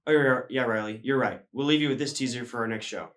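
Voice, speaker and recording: A man's voice: mid-range voice, fast talker, fairly bright tone. Teen boy anchoring school news. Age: teens. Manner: upbeat, reads announcements. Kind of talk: school broadcast announcements. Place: school TV studio.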